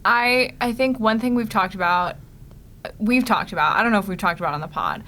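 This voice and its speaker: A woman's voice: medium pitch, a little fast, sharp tone, a little hiss or hum. Giggly rambling podcast co-host woman. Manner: giggly, rambling, lots of fillers. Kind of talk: casual podcast chat.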